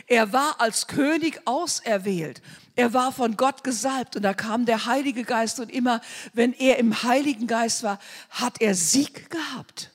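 A woman preaching a fervent sermon, swinging between loud declarations and hushed asides. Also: on the high side, husky. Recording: long hall reverb.

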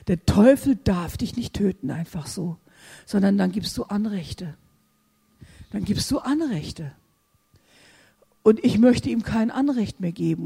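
A woman preaching a charismatic sermon, fervent, swinging between loud exclamations and hushed whispers. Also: medium pitch, vocal fry, slightly rough. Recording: long hall reverb.

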